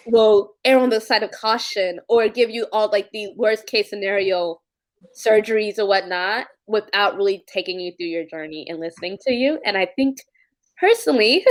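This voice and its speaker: Heartfelt woman moderator on a video call. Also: on the high side. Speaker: panel moderator. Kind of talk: casual panel talk.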